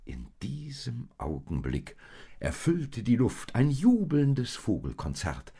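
A man reading a children's story aloud in an expressive, gently paced storytelling manner. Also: medium pitch, takes it slowly, slightly rough. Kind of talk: storybook narration.

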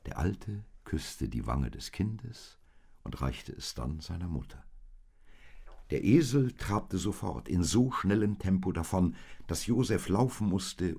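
A man narrating a storybook in an expressive, dramatic reading. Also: deep voice, gravelly, breathy edge.

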